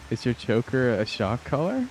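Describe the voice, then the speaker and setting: A man's voice: medium pitch, huge pitch swings, moderate pace, a little mellow, rough recording. A man chatting casually and playfully with viewers as he hosts a gaming livestream. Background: music.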